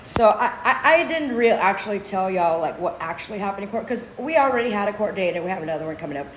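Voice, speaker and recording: A woman's voice: mid-range voice, lively intonation, quick pace, a bit bright, slight background noise. Scornful woman vlogger with roomy echo. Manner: mocking, scornful, many restarts and filler likes. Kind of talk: casual storytelling vlog.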